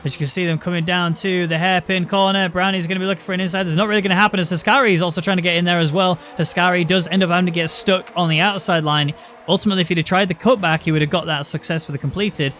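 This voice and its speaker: A man's voice: sits high, steady tone, racing, a bit bright. A man giving live motorsport commentary, calling the race play-by-play and explaining the moves as they unfold. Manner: running play-by-play with explanatory asides. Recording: muffled, noisy, engine sounds behind.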